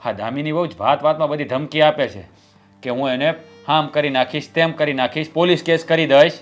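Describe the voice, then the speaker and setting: A man's voice: fairly high pitch, brisk, soft background music, close to an everyday voice. An actor playing a protective husband who takes his wife's side in a family drama. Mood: stern.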